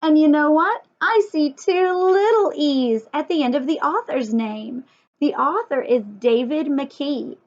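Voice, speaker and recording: A woman with a high, unhurried voice leads a story time lesson for young children as their teacher, asking plenty of questions and stressing key words. The recording has a dull, lo-fi sound.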